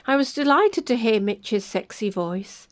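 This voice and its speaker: A woman reading her own first-person story aloud in a gentle, expressive way. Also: on the high side, measured pace.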